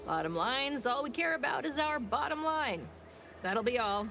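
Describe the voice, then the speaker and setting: A woman trooper in a video game, brisk and wry. Her voice sits a little high as she delivers sardonic, official-sounding patter to newcomers. Music plays clearly behind her. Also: lively intonation, a bit bright, heavily acted. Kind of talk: scripted video game dialogue.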